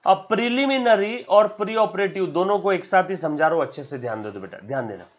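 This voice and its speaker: A man's voice: high voice, lively intonation, fast, highs cut off. A man with an Indian accent teaching accounts in a classroom-style lecture, repeating key terms and often asking "yes or no?". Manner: calls students "beta", acts out their questions.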